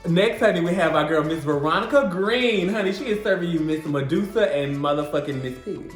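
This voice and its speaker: Sassy higher-voiced man, drag-queen delivery. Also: lively intonation, a little fast. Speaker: co-host of drag show review. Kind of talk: casual banter, video review. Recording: roomy echo with music behind.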